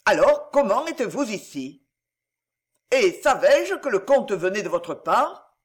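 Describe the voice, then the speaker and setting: Composed commanding nobleman, read by a man; cold and measured, high animated pitch. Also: husky, full character voice.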